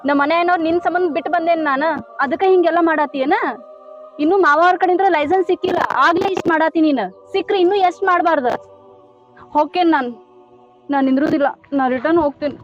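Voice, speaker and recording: An actress playing an indignant young bride who scolds her fiancé, speaking with a North Karnataka Kannada accent in a comic short film. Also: very high voice. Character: indignant young bride, quick to take offence. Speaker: actor. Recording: muffled sound with faint background noise.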